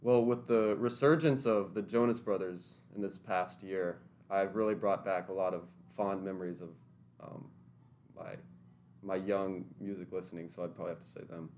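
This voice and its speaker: Young guy from tennessee, real low voice, earnest interview answers, bit of hiss behind. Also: steady tone, normal speed, a little mellow. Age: 20s. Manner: earnest, thoughtful, some restarts. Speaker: interview guest, teaching intern.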